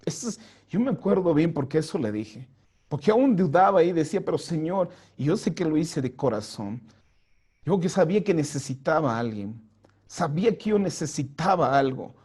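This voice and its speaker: Earnest, high-voiced pastor telling his testimony. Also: very animated, slightly rough. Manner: earnest storytelling, acts out quoted lines in a raised voice; drops soft and slow for prayers. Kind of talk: personal testimony to a youth group. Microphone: home mic for an online vigil.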